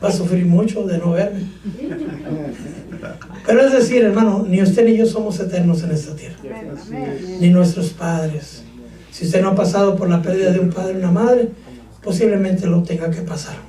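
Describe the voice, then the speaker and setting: A man's voice: sits high, normal speed, pauses often, a crowd in the background. A man preaching a sermon as pastor, calling out questions to the congregation and joking between points. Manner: preaching with call-and-response, joking asides. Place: church sanctuary. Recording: echoey church, far from mic.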